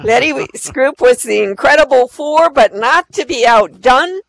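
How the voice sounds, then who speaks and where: A woman's voice: high-pitched, lively intonation, a little slow, creaky, dry recording, low-quality recording. A woman presenting awards live at an online event as the host, effusive in her praise.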